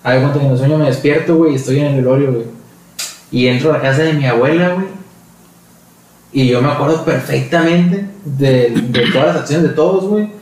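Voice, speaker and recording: A man's voice: mid-range voice, a little fast, a little mellow. A man with a Mexican Spanish accent, telling stories in a casual podcast chat and peppering them with slang fillers. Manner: storytelling with constant slang fillers. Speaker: podcast co-host. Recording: roomy echo, distant mic, faint noise.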